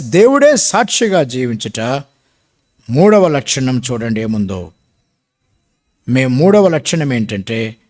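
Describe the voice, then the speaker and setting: An older man preaching a sermon, emphatic and rising to shouts at key points. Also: a little high.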